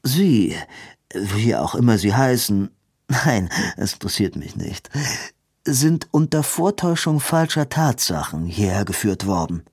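A man's voice: lowish voice, sing-song, unhurried, a little mellow, husky, dry recording, clean studio sound, heavily acted. A man voicing a haughty aristocratic lord who speaks with cold, affected disdain.

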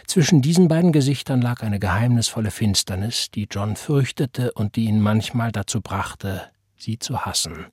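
A man narrating a literary audiobook in a measured, grave way, with a husky voice. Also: fairly low pitch, animated, a little mellow, dry recording, studio quality.

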